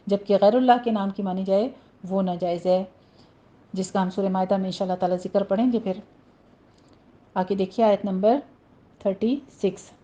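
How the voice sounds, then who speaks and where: Woman teaching slow recitation, mellow tone. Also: mid-range voice, steady tone, dull audio. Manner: instructive, drawn-out recitation of single words. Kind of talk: tajweed lesson, explaining then slowly reciting.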